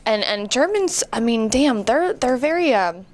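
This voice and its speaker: A woman's voice: on the high side, sing-song, unhurried. A woman from Canada, a guest on a radio studio chat, bubbly and cheeky, laughing often. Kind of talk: casual studio interview chat.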